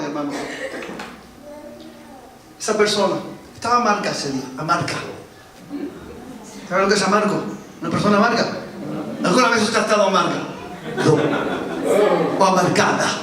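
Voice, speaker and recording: A high-pitched man preaches a sermon, pressing his points with repeated words. He sounds distant from the mic, his voice ringing through a very echoey church hall with faint room noise. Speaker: pastor.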